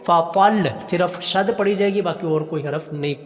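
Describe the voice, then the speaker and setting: A man teaching Quran recitation, chanting each phrase slowly and then explaining how to pronounce it. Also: sits high, big-room sound. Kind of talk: recitation lesson.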